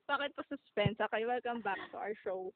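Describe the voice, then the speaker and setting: A woman's voice: a little high, moderate pace, dry recording. A young Filipino woman co-hosting a podcast, chatting and giggling over a phone call. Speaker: podcast co-host. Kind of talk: casual chat. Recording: tinny phone line.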